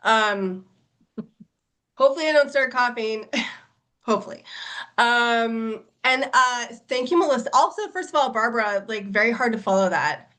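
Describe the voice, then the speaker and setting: A woman's voice: fairly high pitch, expressive, measured pace, bright, forceful tone. A woman with a cold and a nasal voice, chatting casually with many ums, then reading her short story aloud at a book launch. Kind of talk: live reading of literary fiction.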